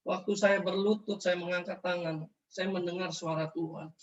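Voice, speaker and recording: A man preaches an emotional testimony with fervent, repeating phrases. His voice sits high for a man. He is heard from a distance on a dull, lo-fi recording. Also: little pitch movement, moderate pace. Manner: fervent, repetitive storytelling. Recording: distant mic, dull lo-fi sound.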